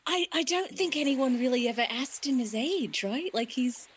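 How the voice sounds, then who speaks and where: A woman's voice: high-pitched, expressive, moderate pace, a little hiss or hum. A woman playing a tabletop game, talking in a giggly, flustered, rambling way. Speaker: player. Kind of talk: casual tabletop game play.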